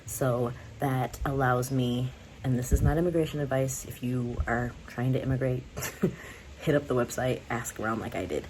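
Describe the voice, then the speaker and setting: A young American woman vlogger talks candidly to camera in a casual, rambling way, laughing often as she addresses her viewers. Her voice is very deep and steady, at a normal pace, with background noise behind her.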